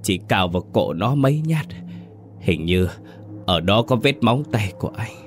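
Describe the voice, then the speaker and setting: A man's voice: fairly low pitch, expressive, normal speed, a little hiss or hum, natural voice. A man voicing the breathless ghost of a murdered husband, speaking in broken gasps. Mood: gasping.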